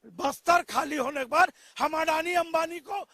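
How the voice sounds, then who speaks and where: Male panelist, very high and bright, combative, rhetorical. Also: a little slow, dry recording. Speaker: debate panelist. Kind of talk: TV news debate argument.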